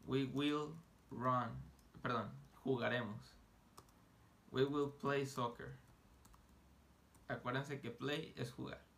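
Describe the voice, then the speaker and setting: Gravelly-voiced man teaching English. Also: medium pitch, a bit bright, slight background noise. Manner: slow, deliberate modeling of English phrases; casual, joking asides. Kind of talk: online English lesson.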